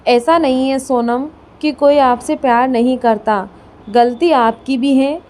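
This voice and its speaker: A woman voicing a firm, composed young daughter-in-law who reasons calmly in a storybook reading. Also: high-pitched, unhurried.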